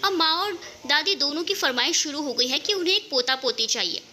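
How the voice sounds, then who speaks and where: Woman doing a flustered young husband, storybook reading, lively pitch, faint noise. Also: brisk, exaggerated voice. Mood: complaining. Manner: complaining, flustered. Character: young married man, harried and defensive.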